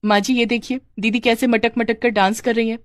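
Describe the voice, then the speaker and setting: A bright, polite young bride in a cartoon, played by a woman narrator, earnest and gentle in manner. Her voice sits higher than the narrator's own. The sound is close and dry. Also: flat delivery, a little fast, no echo, lightly acted. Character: kind, hardworking young bride.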